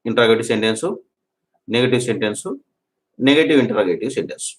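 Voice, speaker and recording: A man with a Telugu accent teaching an English grammar lesson. He drills example sentences, repeats each one and urges his students to practise quickly. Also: on the low side, reverberant.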